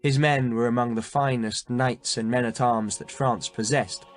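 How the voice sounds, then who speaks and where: A man reading a historical novel aloud in measured, dramatic scripted narration. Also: mid-range voice, fairly even intonation, faint music behind. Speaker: audiobook narrator.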